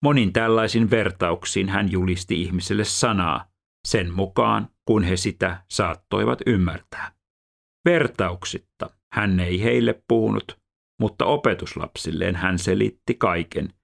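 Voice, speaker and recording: Deep gravelly male scripture reader.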